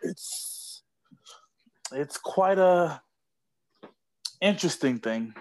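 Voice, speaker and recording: A man's voice: a little high, lively intonation, drawn-out words. A man co-hosting a casual podcast chat, laid-back and playful, with lots of "you know" fillers. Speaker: podcast co-host.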